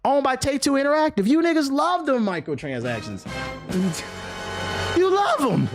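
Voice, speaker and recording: A man's voice: extremely high pitch, measured pace, over music. A young man riffing casually on gaming news during a live stream, mocking and profane, with bursts of laughter between comments. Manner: animated, profane, mocking banter.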